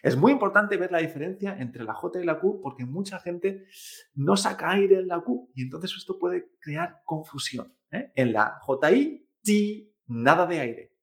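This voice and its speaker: A male Chinese teacher giving a pronunciation lesson, patiently modelling each sound slowly and repeating it, often tagging "¿eh?" and "¿vale?". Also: high voice, animated. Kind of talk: language lesson.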